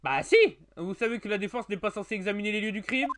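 A man's voice: high voice, fast talker, a bit bright. A man voicing a hesitant young male defense lawyer who mumbles his asides. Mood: wary. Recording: game music underneath.

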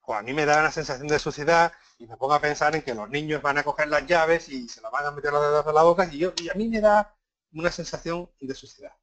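A man's voice: fairly high pitch, fast talker, a bit bright. A man from Spain giving a live workshop on assertive communication, often checking in with the audience and acting out example phrases. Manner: frequent "¿vale?" checks and restarts, acts out example phrases. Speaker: workshop speaker. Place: conference room.

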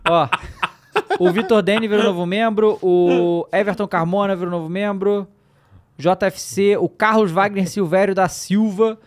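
A man's voice: high voice, steady tone, a little slow. A man in his thirties hosting a casual livestream, speaking into a close studio microphone. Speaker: live show host. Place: podcast studio. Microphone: close studio microphone on arm.

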